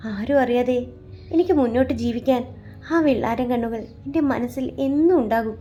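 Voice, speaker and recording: A woman voicing a shy eighteen-year-old orphan girl who talks softly and wistfully about her secret love. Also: mid-range voice, big pitch swings, moderate pace, soft background music, close to an everyday voice. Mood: sorrowful. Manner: soft, wistful, confiding.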